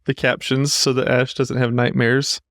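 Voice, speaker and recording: A man's voice: medium pitch, little pitch movement, normal speed, fairly bright tone, dry recording, clean studio sound. A man co-hosting a podcast, chatting in a playful, rambling way and laughing often. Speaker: podcast co-host. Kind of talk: casual podcast chat.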